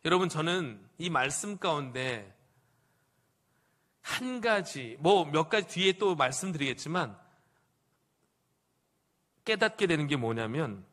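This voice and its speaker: Male pastor, animated sermon storyteller, high and bright voice, asks the congregation questions. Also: slow, pauses often. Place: church sanctuary.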